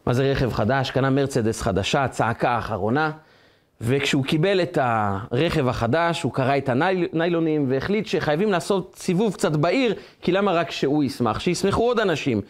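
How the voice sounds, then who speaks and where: A man's voice: a little high, lively intonation. A man, a rabbi giving a Torah lesson, who tells stories with animation and asks rhetorical questions.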